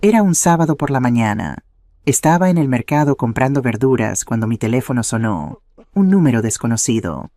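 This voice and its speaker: A man narrating a first-person family drama in a steady, dramatic storytelling manner. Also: mid-range voice, fairly quick, no echo.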